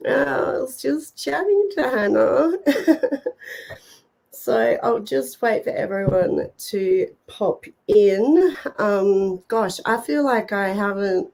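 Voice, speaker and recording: A woman hosts a casual live online show, chatting with viewers while she gets over a cold, her voice stuffed up. She sounds animated yet takes it slowly, her mid-range voice creaky and a little mellow, full of fillers and small laughs.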